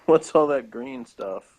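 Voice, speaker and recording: Co-hosting a review of a sci-fi TV episode, a man chats casually and throws in loose asides. His medium-pitched voice is expressive and a little mellow, and he takes his time.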